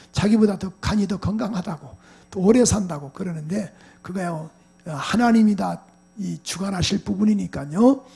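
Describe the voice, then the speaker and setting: A middle-aged male pastor preaching a sermon, telling a personal story in a quiet voice and then breaking into loud, shouted exhortation. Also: high-pitched. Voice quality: gravelly, husky voice.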